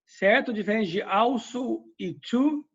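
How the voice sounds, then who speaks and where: A man's voice: high voice, slow, a bit bright, slightly rough, muffled recording. A male English teacher, Portuguese his first language, reviewing a lesson and checking in with students by name. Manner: explains step by step, checks in with students. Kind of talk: recorded class review lesson.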